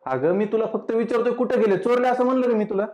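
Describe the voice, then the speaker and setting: An actor playing a husband loudly questioning his wife about missing money. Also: extremely high pitch, fast talker, roomy sound, highs cut off. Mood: accusing. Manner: accusing, loud.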